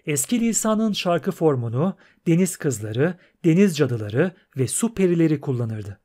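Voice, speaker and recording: Male audiobook narrator, slightly higher voice, steady fantasy storytelling. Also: a little slow.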